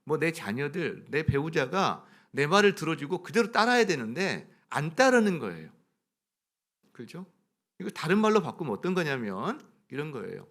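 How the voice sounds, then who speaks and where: A male pastor delivers a Sunday sermon in a church sanctuary. His voice sits somewhat high and swings widely in pitch. He speaks in a friendly, conversational way and often asks the congregation questions. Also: sing-song, normal speed, fairly bright tone.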